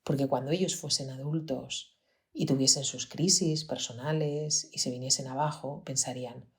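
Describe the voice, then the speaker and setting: Deep-voiced Spanish woman telling a story. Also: fairly even intonation, moderate pace. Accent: Peninsular Spanish. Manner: reflective, earnest, often drops to a near-whisper. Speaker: podcast host, pediatrician. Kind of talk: personal storytelling podcast.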